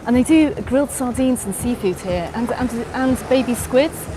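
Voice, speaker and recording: Her voice sits on the high side, with lively intonation and a moderate pace. She's a middle-aged Englishwoman with an English accent, vlogging a live walking tour along a busy seaside promenade at dusk and answering viewers, with crowd chatter and traffic behind her.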